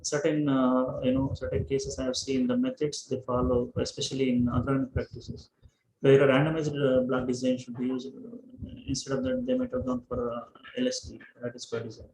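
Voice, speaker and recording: A man's voice: medium pitch, little pitch movement, brisk, darkish tone. Hesitant man lecturing in an echoey room. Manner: hesitant, many fillers and restarts. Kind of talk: online lecture. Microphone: microphone held away at first. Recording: echoey room, noisy line.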